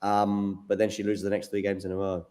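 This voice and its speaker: A man's voice: fairly low pitch, completely flat delivery, brisk, warm tone. A man hosting a live tennis watchalong, giving casual running commentary and chatting with his co-hosts. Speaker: watchalong host.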